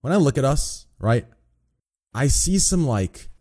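A man's voice: medium pitch, big pitch swings, a little slow, mellow. A young man livestreaming, chatting casually like a hyped gamer bro, with lots of slang and swearing. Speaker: live streamer.

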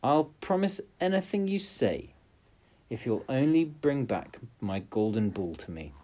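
A man voicing a spoiled, squeamish young princess in a storybook reading, high and pleading. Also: big pitch swings, measured pace, dark tone.

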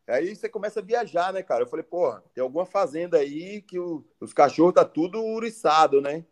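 Man, casual storytelling, animated and slangy, slightly high voice. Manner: animated, loose, full of slang and restarts. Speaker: ultramarathon athlete.

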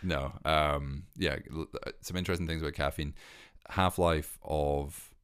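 A man with an extremely low, smooth, resonant voice, recorded dry and close. He talks in a relaxed, explanatory way, like a host in an easygoing chat. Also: measured pace, dry recording. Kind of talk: casual chat.

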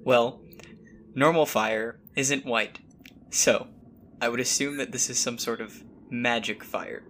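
A man's voice: medium pitch, fairly even intonation, slow pace, a bit bright, slight background noise. A man voicing a literal-minded, scholarly adventurer in a tabletop game, speaking formally and pedantically. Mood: pedantic.

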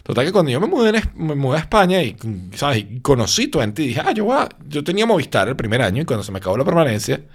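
This podcast host, a sleepy man from Venezuela, talks fast with few pauses, his slightly high, husky voice swinging widely in pitch. In a Venezuelan Spanish accent, he rambles through a casual story loaded with little tag questions.

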